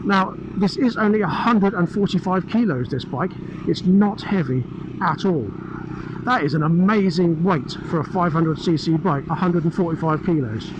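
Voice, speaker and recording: Engine rumble and wind are plainly audible under this British man's fairly high voice as he reviews a motorcycle on open roads. Speaking at normal speed through his helmet mic, he delivers an upbeat, talkative riding commentary, and the audio sounds dull.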